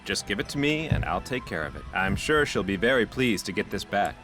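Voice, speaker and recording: A man's voice: lowish voice, very animated, a little fast, fairly bright tone, soft background music. An actor voicing a dutiful, politely formal male park ranger in a video game. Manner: polite, formal, slightly self-important.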